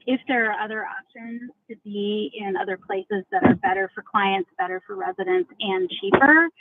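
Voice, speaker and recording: A woman calls into a meeting from her car over speakerphone, weighing her words in a measured, deliberate way. The sound is thin and phone-like, with a faint hum of the drive behind her. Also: mid-range voice, vocal fry. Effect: car speakerphone call. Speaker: assembly member on a committee. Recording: tinny phone line, faint car noise.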